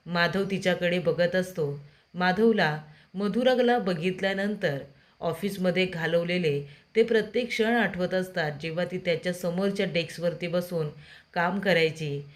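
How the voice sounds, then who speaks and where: A woman narrating a recap of a TV serial episode, retelling scenes and speaking the characters' lines herself. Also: lowish voice.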